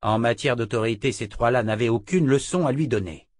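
A man reads a fantasy novel aloud in a steady, measured narration. His mid-range voice comes through a dry, close recording. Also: mid-range voice, dry recording. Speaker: audiobook narrator. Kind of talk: scripted narration.

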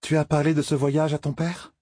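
Man doing a cool commanding sorceress lady, pitched up from his husky voice. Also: flat delivery, fairly quick, warm tone, close to an everyday voice. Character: cool, fatalistic noblewoman sorceress.

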